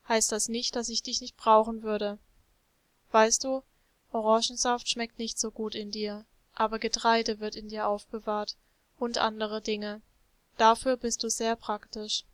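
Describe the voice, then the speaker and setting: A woman's voice: a little high, no room sound, lightly acted. A woman voicing a patient, loving male potter who explains things tenderly to his clay jug in a storybook.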